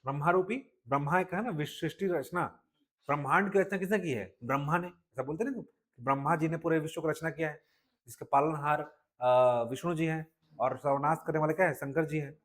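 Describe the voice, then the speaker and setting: Hindi teacher, slightly high voice, drilling students. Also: male voice, a bit bright. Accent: Chhattisgarhi-tinged Hindi. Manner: drills students with frequent "ठीक है" checks; spells words slowly sound by sound. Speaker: Hindi teacher at a coaching class. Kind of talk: live classroom lesson.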